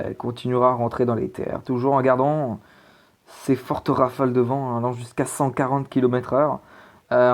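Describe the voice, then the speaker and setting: A man talking through a weather forecast in a casual, hesitant way, with many fillers and restarts. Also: mid-range voice. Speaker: amateur weather presenter. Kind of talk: casual forecast commentary over weather maps.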